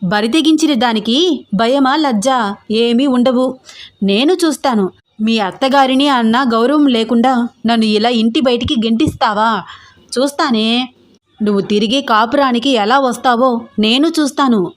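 A woman voicing a spiteful older mother-in-law who speaks slowly and slyly with veiled threats. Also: fairly high pitch, close to an everyday voice. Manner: slow, sly, threatening.

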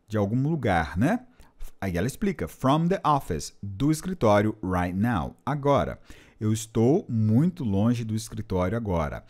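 A man's voice: on the low side, a little mellow. A man teaching an English lesson, patiently repeating and translating phrases. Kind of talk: explanatory language lesson.

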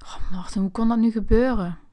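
A woman's voice: fairly high pitch, brisk, close to an everyday voice. A woman voicing a sneaky, whiny little boy. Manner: excitable, whining, sneaky. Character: mischievous curious young boy toy figure. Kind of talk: toy figure play narration.

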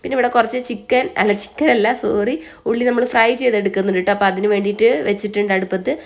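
A woman's voice: medium pitch, little pitch movement, racing. A young Malayali woman with a blocked, nasal voice from a cold, chatting through a casual voice-over for her vlog. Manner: chatty, often ends phrases with a soft tag word. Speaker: vlogger.

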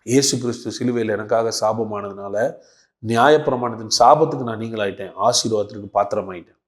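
A male pastor from Tamil Nadu, giving a devotional sermon and prayer to camera in short, repeated, emphatic phrases. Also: on the low side. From Tamil Nadu, India. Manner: repetitive, rhythmic preaching in short emphatic phrases. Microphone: speaking to camera for a video.

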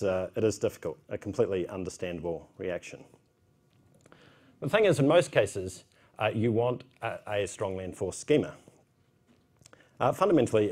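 Male conference speaker, thirties, low voice, strong New Zealand accent, casual and wry delivery. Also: a little mellow. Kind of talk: informal technical conference talk. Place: indoor conference room, at a podium.

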